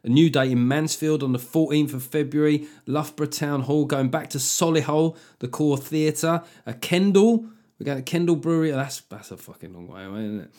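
A man's voice: a little high, fairly quick, a little mellow. A man hosting a podcast, a stand-up comedian chatting casually with sardonic, sweary jokes. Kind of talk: casual chat.

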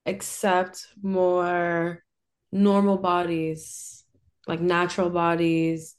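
A woman's voice: on the low side, completely flat delivery, very slow. A young woman guesting on a podcast, talking casually and rambling, with many filler words. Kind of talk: casual interview chat.

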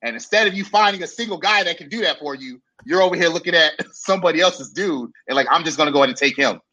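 A man's voice: a little high, fast, pushed and bright, poor audio. Rambling man in his thirties. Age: 30s. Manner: loose, rambling, lots of "like". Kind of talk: casual chat.

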